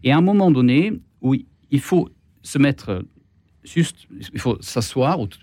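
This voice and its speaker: A man's voice: medium pitch, lively intonation, measured pace, a little mellow, dry recording, studio quality. A man with a Swedish accent speaking as a guest on a political debate panel, hesitant, stumbling over repeated words and restarts. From Sweden.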